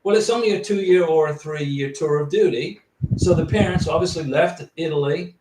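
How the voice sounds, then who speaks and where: A man with a fairly high voice hosts a casual livestream. He reads viewer questions aloud and answers them plainly. He sounds set back from the mic in an echoey room, with clear noise in the background. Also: a little mellow. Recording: roomy, distant and noisy.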